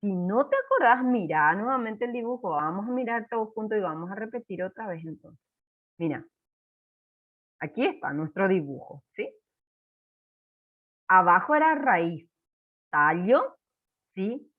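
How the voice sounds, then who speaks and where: A woman teaching a first-grade class, slow and encouraging, spelling words out for young children. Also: mid-range voice, expressive, phone-quality sound. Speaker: primary school teacher.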